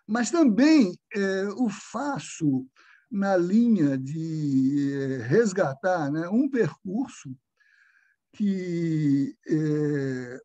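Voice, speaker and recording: Lecturing academically on a video call, an older Brazilian man has a slightly high, warm voice with lively intonation. He talks slowly and hesitantly, using lots of fillers.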